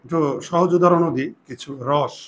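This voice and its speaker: A male teacher leads a classroom lesson, quizzing his students again and again. His voice sits a little high. He sounds out each example word slowly, one piece at a time. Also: steady tone. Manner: drills students with repeated questions and examples; spells out words slowly, syllable by syllable. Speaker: Bengali teacher.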